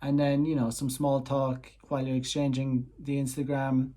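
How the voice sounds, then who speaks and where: A man's voice: medium pitch, completely flat delivery, moderate pace, mellow. Rambling man explaining casually. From Ireland. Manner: rambling, heavy on "you know" fillers; slips in basic Japanese phrases and translates them. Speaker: dating coach. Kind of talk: casual explanatory vlog talk.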